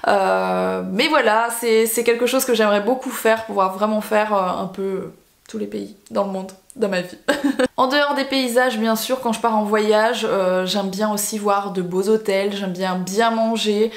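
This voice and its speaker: A woman's voice: medium pitch, fairly even intonation, measured pace, creaky. A young woman from Belgium chatting casually to camera in a vlog, with lots of fillers and restarts. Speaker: vlogger. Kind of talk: casual sponsored vlog chat. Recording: echoey room.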